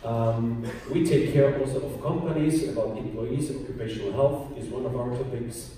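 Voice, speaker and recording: A middle-aged man presents at a conference in a plain, explanatory way, pausing often on um and uh. His voice is mellow and rather dark. It is recorded from far off in a large hall with heavy echo. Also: medium pitch, slight background noise. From Austria. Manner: plain, explanatory, with frequent um and uh pauses. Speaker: conference speaker. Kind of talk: presentation talk.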